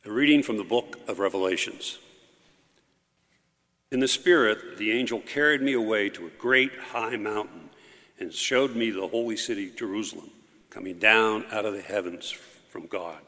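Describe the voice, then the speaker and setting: A man's voice: lowish voice, normal speed, pushed and bright. A man reads scripture aloud solemnly as a church lector, in a large echoing church. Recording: reverberant church hall.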